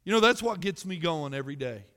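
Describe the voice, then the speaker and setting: A man preaching a sermon to his church, reading scripture loudly and then dropping to quiet, personal musing. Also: on the high side, fast, big-room sound. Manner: animated, swings between loud scripture reading and quiet musing. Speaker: pastor. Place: church sanctuary.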